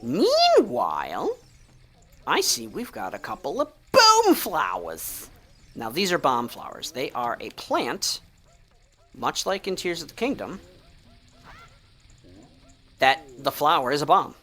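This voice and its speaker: A man's voice: on the high side, huge pitch swings, a little slow, long pauses, pushed and bright. A man streaming a video game and chatting casually over it, joking and laughing often. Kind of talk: casual let's-play commentary.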